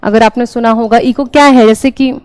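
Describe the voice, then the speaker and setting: A woman's voice: a little high, steady tone, brisk, darkish tone, smooth, dry recording, rough recording. A young woman teaching an exam-prep class, explaining each answer step by step and often checking in with her listeners. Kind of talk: exam-prep lesson, solving questions.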